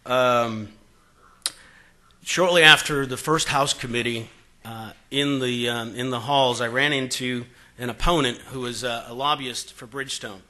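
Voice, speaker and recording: A conference speaker from Boston, in his forties, talks from the podium microphone in a conference room, spinning stories full of fillers and acted-out dialogue. He speaks a little slowly with fairly even intonation, his mid-range voice bright and forceful.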